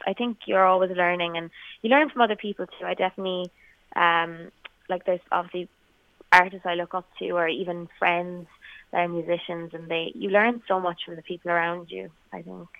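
Being interviewed casually as a singer-songwriter, a young Kerry woman from the west of Ireland speaks at normal speed in a lowish, creaky voice with her local accent. The recording is dry and thin, like a phone call on the radio.

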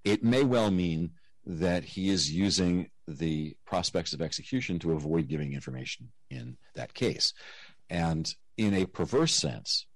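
A man giving measured, explanatory answers as an interview guest, heard through low-quality video call audio. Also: lively intonation, no room sound. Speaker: interview guest, nonprofit director.

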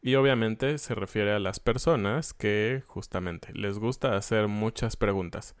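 A man's voice: fairly low pitch, a little slow, clean tone, no echo. A Mexican man co-hosting a casual Spanish lesson, explaining words and asking the audience questions. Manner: conversational, asks the audience questions. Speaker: Spanish teacher.

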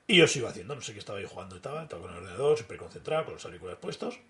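A man's voice: on the low side, very fast. A man, co-hosting a podcast and telling stories animatedly, acting out the dialogue. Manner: animated storyteller who acts out dialogue. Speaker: podcast co-host. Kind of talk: casual storytelling chat.

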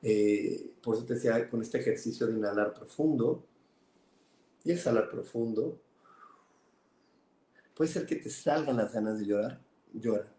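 Man, spiritual podcast host, earnest, emphatic repetition, dark voice, echoey recording. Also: mid-range voice. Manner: earnest, stacks repeated words for emphasis. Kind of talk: spiritual self-help talk.

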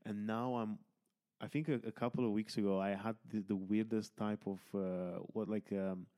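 Man, podcast host, low voice, mellow tone, rambling, halting, candid. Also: steady tone. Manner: rambling, halting, many fillers and restarts; candid, swears casually. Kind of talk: casual conversation.

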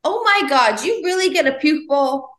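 High, lively, teasing woman. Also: normal speed. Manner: teasing and incredulous. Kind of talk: casual chat.

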